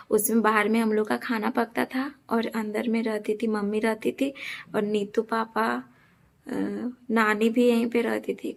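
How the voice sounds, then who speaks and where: A young woman speaks straight to her viewers in a casual vlog. Her voice sits a bit high and gravelly, with a flat, even melody as she earnestly and defensively repeats her points. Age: young adult. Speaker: vlogger. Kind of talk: casual talk to camera.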